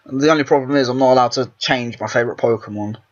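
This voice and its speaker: A man's voice: medium pitch, fast talker. A man hosting a let's play, chatting casually and rambling while he plays. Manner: rambling, self-interrupting chatter. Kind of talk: casual gameplay commentary. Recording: dull lo-fi recording.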